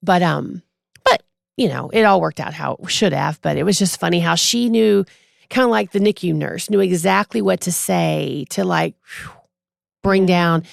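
A woman in her forties, a podcast guest, telling a personal story in a casual, animated way and acting out what others said. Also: on the low side, moderate pace, creaky, dry recording, clean studio sound. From Texas. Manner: animated, acts out quoted voices.

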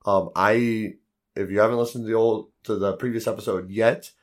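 Hoarse, low-voiced man podcasting. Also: steady tone, a little fast. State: hoarse, worn-out voice from yelling at a convention. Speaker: board game podcast host. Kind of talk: casual podcast chat.

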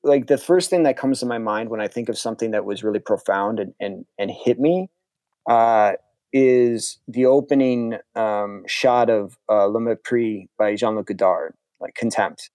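A young man from Connecticut who makes films talks as an interview guest at a moderate pace, his voice low-leaning and a little mellow. He's casual and eager, wandering in his points and restarting often, with no room sound.

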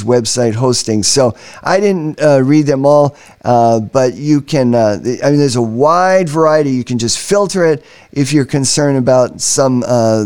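A man's voice: medium pitch, a little mellow, clear, resonant tone. A man hosting a political talk program, speaking in an emphatic commentary monologue that repeats key phrases and acts out quoted people. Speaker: radio talk show host.

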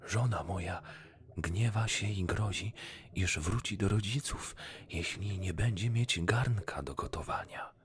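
A man voicing a gentle, dreamy poor fisherman who speaks softly and pleads, lifted above his own voice. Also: low voice, a little slow, husky, pitched above the performer's own voice, exaggerated voice. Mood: pleading.

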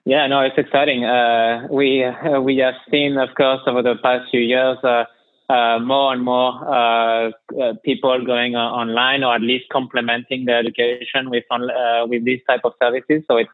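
Dialing in to a remote podcast interview over a call line, this Frenchman in his thirties speaks in a medium pitch with a level tone at normal speed, his French accent clear. He talks hesitantly with plenty of fillers, and the recording is dry and tinny.

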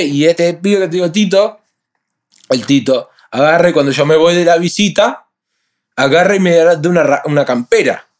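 A young man with a Uruguayan accent, a rapper guest in a casual interview, telling stories animatedly in street slang. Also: fairly high pitch. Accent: Uruguayan Spanish. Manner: animated street slang storytelling, acts out others' voices.

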